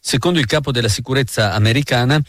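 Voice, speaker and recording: A man's voice: mid-range voice, fairly bright tone, dry recording. Man reading radio news, dry studio. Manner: brisk, measured newsreading. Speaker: news anchor.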